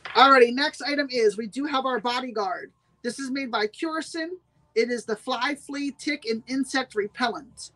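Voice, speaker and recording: A woman's voice: high voice, moderate pace, bright, forceful tone, rough recording. A woman hosting a live-streamed sale, chatting with viewers and repeating every price twice. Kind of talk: live-streamed sales pitch.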